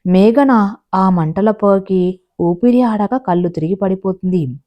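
A woman narrating a family drama story in a plain, steady storytelling manner. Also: mid-range voice, a little slow, dull audio.

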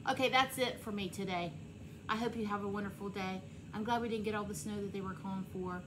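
A woman's voice: mid-range voice, fairly even intonation, quick pace. Middle-aged woman, noisy room recording. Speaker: vlogger. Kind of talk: casual chat to camera. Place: home kitchen, indoors. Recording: clearly noisy home recording.

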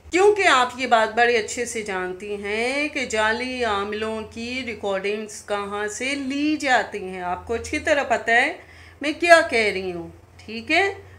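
High-voiced woman scolding into her phone. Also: bright, forceful tone. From Pakistan. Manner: indignant, scolding, rhetorical questions. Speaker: YouTuber replying to another vlogger. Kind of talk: confrontational video diary rant. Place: living room at home, indoors. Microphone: phone camera at arm's length.

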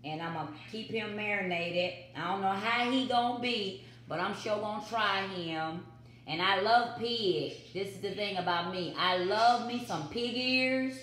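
A woman's voice: medium pitch, measured pace, a bit bright, a little hiss or hum. Middle-aged woman, chatty cooking vlogger, phone mic on counter, roomy kitchen echo. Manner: chatty, repeats catchphrases to viewers. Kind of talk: casual home cooking vlog. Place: home kitchen. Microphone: built-in phone mic on the counter. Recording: echoey kitchen.

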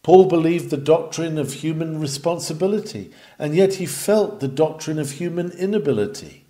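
A man's voice: on the high side, moderate pace, mellow. A man reading an old sermon aloud, building to dramatic, emphatic peaks. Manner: dramatic, swelling with emphasis on climactic lines. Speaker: preacher.

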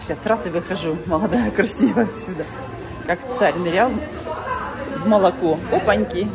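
A woman's voice: mid-range voice, normal speed. Gushing woman vlogging amid music and crowds. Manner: excited, gushing, exclaims often. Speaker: vlogger touring a cruise ship. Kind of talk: casual walking vlog narration. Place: large indoor ship atrium and shopping halls. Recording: busy public space with music and crowd. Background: music and crowd chatter.

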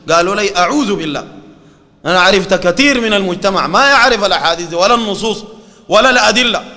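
A man with a Sudanese Arabic accent giving a colloquial sermon, animated and mocking, often quoting scripture. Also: high-pitched, in a large hall. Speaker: preacher.

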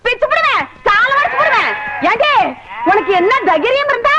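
A shrill, fierce old village crone. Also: female voice, sing-song, moderate pace, dull audio. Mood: scolding. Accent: Kongu Tamil. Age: older. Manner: shrill threatening scolding. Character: fierce old village woman, quarrelsome, snaggle-toothed. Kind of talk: film comedy dialogue. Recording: loud hiss on an old film soundtrack.

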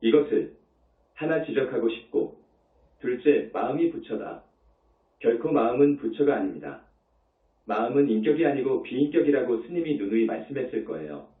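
A male monk gives a dharma talk with a lively, rising and falling voice, pressing his points home through repetition and rhetorical questions. He sounds tinny and phone-like. He is heard from a distance in an echoing space. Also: medium pitch, moderate pace. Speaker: Buddhist monk.

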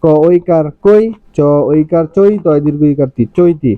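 A male primary school teacher, slowly spelling out words and repeating each one for his students. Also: a little high, dry recording. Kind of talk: slow spelling drill. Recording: dry, somewhat dull recording.

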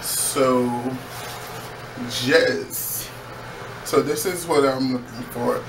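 A young DIY vlogger casually walks through a project in his home bathroom, chatty and full of playful asides, in the style of a how-to vlog. His voice is medium in pitch and extremely slow. The small room sounds echoey, with faint background noise.

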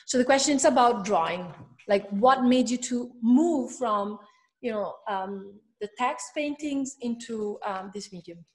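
A woman's voice: on the high side, unhurried. A woman with an Italian accent interviewing an artist, hesitant with many fillers. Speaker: curator interviewer. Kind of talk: interview questions and reading aloud.

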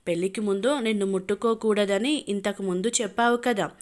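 A woman's voice: mid-range voice, steady tone, a little fast, lightly acted. A woman reading a cruel vengeful husband. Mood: menacing. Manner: cold, taunting, menacing.

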